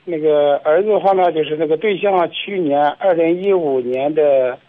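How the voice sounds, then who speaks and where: A man's voice: a little high, moderate pace. A middle-aged man calling in to a radio show, hesitant and full of fillers. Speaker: caller. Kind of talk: phoned-in radio chat. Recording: tinny phone line.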